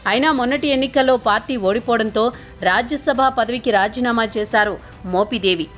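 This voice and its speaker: A woman reading a scripted news voice-over in a measured, formal way. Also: fairly high pitch, soft background music. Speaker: news narrator.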